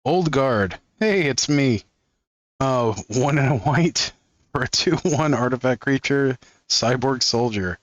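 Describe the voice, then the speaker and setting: A man's voice: mid-range voice, measured pace, no echo, dull audio. Amused man reading cards aloud. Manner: amused, chuckles often while reading. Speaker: card-opening channel host. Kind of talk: casual reading of card text.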